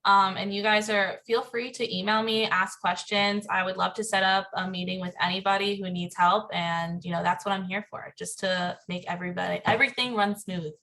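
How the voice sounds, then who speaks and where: A woman's voice: medium pitch, fairly even intonation, a little fast, few pauses, bright, forceful tone. A woman presenting social media tips, answering questions on a video call in an upbeat way. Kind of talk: casual webinar Q&A.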